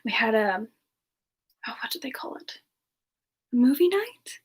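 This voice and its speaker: Using a full character voice, a woman plays a polite, gentle frost demon reborn long ago with no memory, fielding viewer questions as a streamer in a soft, improvised semi-ASMR chat. Her fairly high voice is sing-song, a little slow, with a breathy edge. She muses hesitantly and softly, drifting into whispers.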